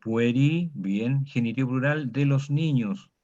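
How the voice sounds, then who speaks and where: A man's voice: medium pitch, a little slow, dark tone. A man teaching a Latin grammar lesson, patiently drilling students through declensions and checking in with them often. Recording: dull lo-fi recording.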